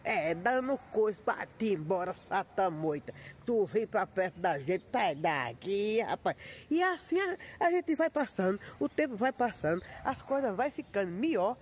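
A woman, a content creator giving her followers a lively, folksy motivational talk full of sudden pitch jumps. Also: normal speed, a little hiss or hum.

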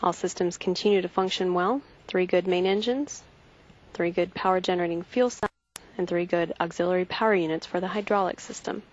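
A woman giving measured, factual live launch commentary from mission control. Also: lowish voice, fairly even intonation. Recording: dull broadcast feed, faint noise.

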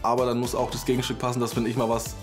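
A man in his twenties speaking calmly in a measured interview voice-over. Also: medium pitch. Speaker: contestant. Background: music.

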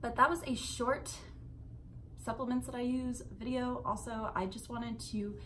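In a bedroom, a young adult woman vlogs to camera in a relaxed, meandering way, full of swearing and tangents. Her fairly high voice is steady and a bit bright, and she takes her time. The audio is poor, with a little hiss or hum.

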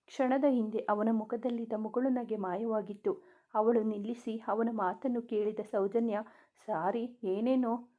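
Woman reading a romance story, tinny sound. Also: on the high side.

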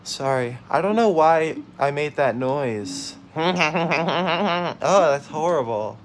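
Slow-talking man reacting to gameplay. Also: mid-range voice, slight background noise. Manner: excitable, yelps and laughs at mishaps. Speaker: let's play host. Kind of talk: casual gameplay commentary.

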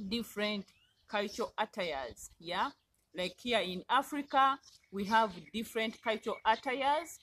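Young Ugandan woman, Ugandan accent, unhurried friendly vlog talk outdoors, faint hiss behind, phone at arm's length. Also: mid-range voice, a bit bright. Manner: friendly, repetitive, drawn-out phrasing. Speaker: vlogger. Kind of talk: casual vlog talk to camera. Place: outdoors in a garden.

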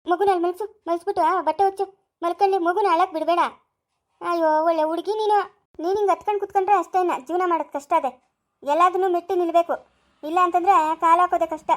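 A fierce but caring sister-in-law, acted by a woman, comforting one moment and forceful the next. Her voice is very high and her speech rapid. She has a Chikkaballapur Kannada accent, in a homemade family skit. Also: fairly even intonation. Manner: scolding yet comforting, forceful.

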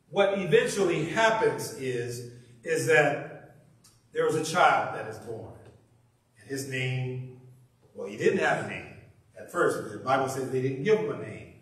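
A man preaching a sermon as minister, telling the story in a folksy, animated way with frequent restarts and repeated words, recorded in a church sanctuary. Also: mid-range voice. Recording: very echoey hall, distant mic.

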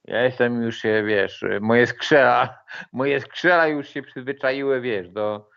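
A man's voice: mid-range voice, slow, gravelly, fairly bright tone, clear, resonant tone, highs cut off. A man hosting a casual livestream, mocking and taunting with frequent swearing and laughter. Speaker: livestream host.

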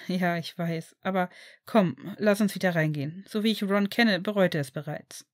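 A woman voicing a caring, steady young man, in an audiobook reading of fan fiction. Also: fairly low pitch, normal speed, no room sound, clean studio sound, close to an everyday voice. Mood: reassuring. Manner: reassuring, earnest.

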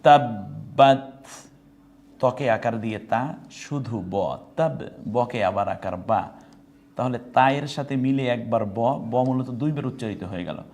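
A mid-pitched man teaches Quran reading, naming each letter and where its dots go. He speaks patiently and methodically, step by step. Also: a little mellow. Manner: chanted recitation, slow and drawn out. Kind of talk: step-by-step lesson on Arabic letters.

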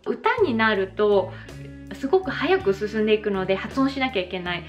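A Japanese woman in her thirties giving a slow, careful pronunciation lesson, exaggerating her mouth shapes when she demonstrates sounds. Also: medium pitch, big pitch swings, lo-fi sound, faint music behind. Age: 30s. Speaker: English pronunciation teacher. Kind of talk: slow explanatory vlog lesson.

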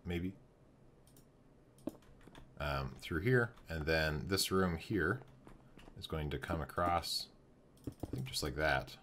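Losing his voice as he goes, a young man streams a building game from home, greeting his chat and reasoning aloud about room layouts. He speaks in a very deep, fairly bright voice, slowly and with frequent pauses, over a little hiss or hum.

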